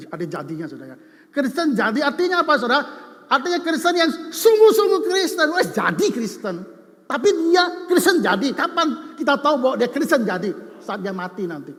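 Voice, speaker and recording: A man, preaching as a pastor in a playful, animated way, acting out both sides of imagined dialogues. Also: high voice. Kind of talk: sermon. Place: large church sanctuary. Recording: long reverb of a church hall.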